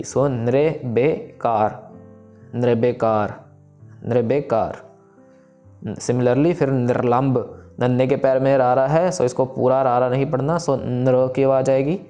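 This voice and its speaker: A man, teaching how to pronounce scripture. He is patient and repeats words slowly, syllable by syllable. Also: mid-range voice, dull audio. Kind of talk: recitation lesson, explaining and chanting slowly. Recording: soft music bed behind.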